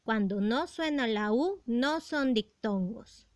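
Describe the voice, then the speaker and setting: A woman teaching a recorded grammar lesson for primary school pupils, explaining slowly and deliberately and asking rhetorical questions. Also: fairly high pitch, lively intonation, no room sound, clean studio sound.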